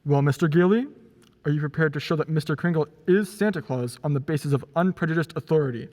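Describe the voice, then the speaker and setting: A man playing a dignified, weary judge in an amateur radio play, formal and measured. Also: fairly high pitch, a little mellow, close to an everyday voice. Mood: formal, authoritative. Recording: long hall-like reverb.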